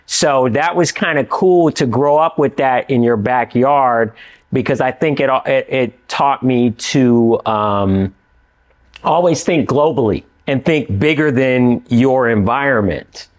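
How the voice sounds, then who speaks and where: A middle-aged man from California chatting as a guest in a studio interview. He talks with animated energy and keeps checking in with "you know what I mean". His pitch sits in an ordinary middle range for a man. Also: slow pace. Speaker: actor and writer, interview guest. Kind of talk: casual interview chat. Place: indoor studio with dark backdrop.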